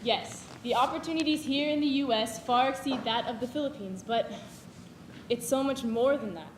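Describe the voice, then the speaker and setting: A woman's voice: high voice, moderate pace, roomy sound, background noise, natural voice. A young woman playing a teasing older sister. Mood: earnest. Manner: teasing, then earnest and explaining. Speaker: student actor in a campus stage play. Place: live stage in a hall.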